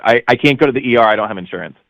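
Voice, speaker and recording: A man's voice: mid-range voice, rapid-fire, gravelly, fairly bright tone, no echo. A man calling in to a radio show on his phone's speakerphone, talking casually and hesitantly with frequent ums and restarts. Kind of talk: casual call-in chat. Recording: dull lo-fi phone line.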